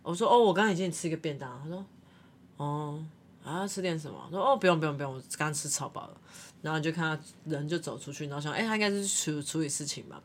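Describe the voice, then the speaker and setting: A young woman, co-hosting a casual chat and telling animated stories with lots of laughter. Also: sits low, fast, slight background noise. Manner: animated anecdotes with frequent laughter. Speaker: podcast co-host.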